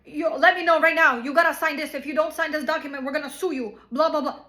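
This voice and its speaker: A woman doing a nasty lawyer lady, high and loud, keeps yelling the same demands over and over. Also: fairly even intonation, fast. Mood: badgering. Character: pushy rude female lawyer demanding payment.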